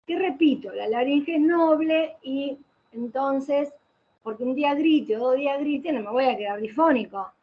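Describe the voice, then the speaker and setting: Speaking at a measured pace in a high-pitched voice, a woman lectures online on voice care as a specialist, answering her own rhetorical questions. The sound comes from a computer mic on a video call and is muffled, with a faint hiss.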